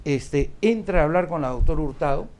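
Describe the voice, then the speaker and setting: A man with a slightly raised pitch recounts old events in an animated way. He often breaks off and restarts his sentences as a talk-show guest. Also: a little fast. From Peru. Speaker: lawyer guest. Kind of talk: conversational storytelling interview. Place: studio of a live-streamed talk show.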